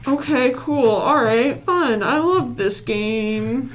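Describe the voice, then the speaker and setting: A woman's voice: fairly high pitch, expressive, slow pace, slight background noise, poor audio. A woman playing a tabletop game, answering in a hesitant, wry way. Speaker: player.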